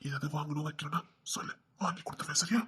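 A man playing a caring, protective young man who speaks gently and reassuringly. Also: fairly high pitch, fairly even intonation, rapid-fire, breathy edge.

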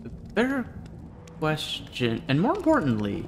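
A young man acting out a scripted animated skit as his avatar, with stilted, hesitant, deadpan amateur delivery. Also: fairly high pitch, moderate pace, noisy background. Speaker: content creator playing his avatar.

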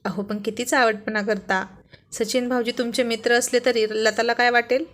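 A woman's voice: fairly high pitch, flat delivery, normal speed, a bit bright, natural voice. A woman voicing a young wife who scolds her husband with exasperated affection in a read-aloud story. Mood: scolding.

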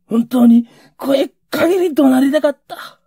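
A man doing a gravelly, rough Edo laborer. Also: very high voice, takes it slowly, warm tone, no echo, clean studio sound, voice pushed up, exaggerated voice. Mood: anguished. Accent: old Edo working-class. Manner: pleading, coarse street speech. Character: rough working-class Edo man, emotional.

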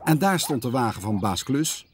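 A man narrating a children's cartoon story in a gentle storytelling manner. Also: medium pitch, very animated, normal speed, background noise. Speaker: storyteller narrating and voicing all characters. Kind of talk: storybook narration with character voices.

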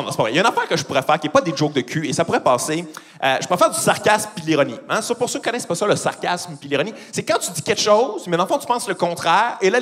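A man's voice: on the high side, a bit bright. A man with a Québécois accent doing a profane stand-up comedy routine on a theatre stage, teasing the audience. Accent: Québécois French. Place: large theatre stage before a live audience.

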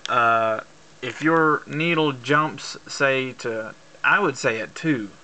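This man, an amateur instructor, shows CB radio use in a casual hands-on tutorial, explaining each step simply. His mid-range voice is bright, forceful, and clean in tone, though the amateur camera picks up faint background noise and clicks.

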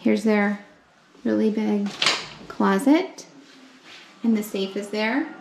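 A young woman vlogger gives a room tour of a hotel suite, narrating a casual walkthrough slowly and upbeat while pointing things out. Her mid-range voice has vocal fry. Shot on a handheld camera mic, the echoey rooms carry faint ambience and a faint hum.

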